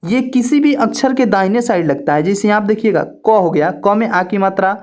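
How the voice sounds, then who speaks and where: A woman, teaching an online alphabet lesson in a patient, repetitive, drawn-out way. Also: mid-range voice, a little mellow. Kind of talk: slow step-by-step alphabet lesson.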